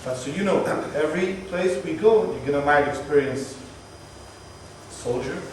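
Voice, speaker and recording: A man's voice: fairly high pitch, normal speed. Guy giving a tour on a bus, sounds far off and echoey, a bit of road noise. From Palestinian, from Jerusalem. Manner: chatty, explaining patiently with jokes. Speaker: tour guide. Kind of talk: guided tour talk to a group.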